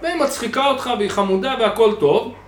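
Brief: loud, animated male podcast co-host, high lively voice, roomy faintly noisy room. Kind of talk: casual podcast banter.

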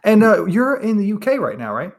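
A man's voice: sits high, big pitch swings, fairly quick. A man hosting a casual interview podcast, eager and often stumbling over his words. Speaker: podcast host.

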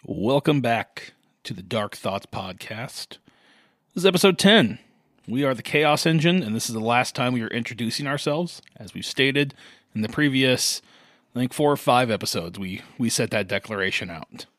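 A man's voice: medium pitch, expressive, moderate pace, a bit bright, dry recording, clean studio sound. A man hosting a tabletop game podcast, chatting casually with his group in a rented cabin. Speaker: podcast host and game master.

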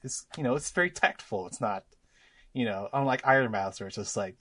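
A man's voice: mid-range voice, a little fast, sharp tone. A man chatting casually as co-host, rambling with restarts and laughing often. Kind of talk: casual chat.

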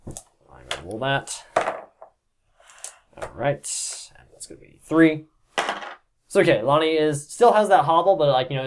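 A man's voice: medium pitch, darkish tone, a little hiss or hum. A man narrating a tabletop game as game master, loose and rambling, with plenty of swearing.

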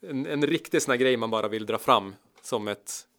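A man's voice: mid-range voice, a bit bright, soft background music. A man co-hosting a casual chat, telling a long anecdote and acting out the people in it. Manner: rambling storyteller, acts out quotes. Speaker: podcast co-host, musician.

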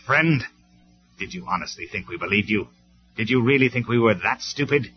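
A man's voice: fairly low pitch, lively intonation, soft background music, natural voice. Optimus Prime, a man doing a stern robot commander. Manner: quiet, measured, then forceful commands. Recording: dull lo-fi cassette recording.

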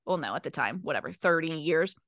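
Woman in her 30s, lowish voice, dry close sound, lively casual storyteller. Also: fast talker, dry recording. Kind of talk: casual chat.

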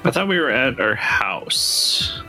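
A tabletop player with a bright voice that swings widely in pitch and an unhurried pace. He hesitates and cracks jokes, with soft music underneath. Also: big pitch swings. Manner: hesitant, joking, unsure. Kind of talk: casual tabletop play.

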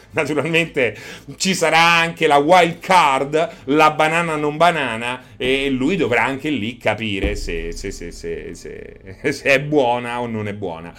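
Animated Italian streamer man. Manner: animated, jokey, breaks into high squeaky fox imitations. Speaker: streamer host. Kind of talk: casual live-stream chat reading viewer messages.

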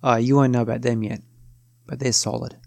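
A man's voice: medium pitch, level tone, brisk, gravelly, no room sound. An Australian man narrates in first person with a wry, confiding, self-deprecating tone. His voice sits in a middle register. The recording is close and dry, with no room around it.

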